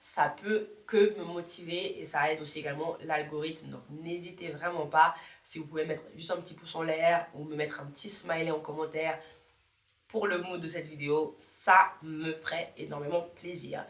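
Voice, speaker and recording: Talking at a normal speed in a low, fairly even voice, a thirty-something YouTuber gives her viewers casual motivation, repeating words for emphasis and revising herself as she goes. The room has noticeable echo.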